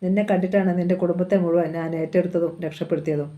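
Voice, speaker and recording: Brief: woman reading an old rich man from a storybook, low flat delivery. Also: fast, highs cut off, close to an everyday voice. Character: old wealthy man, pleading then domineering.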